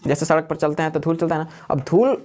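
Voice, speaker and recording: A man's voice: fairly high pitch, fast, darkish tone. A man teaching a live class, who keeps asking questions and answering them himself while repeating the key words. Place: classroom with students.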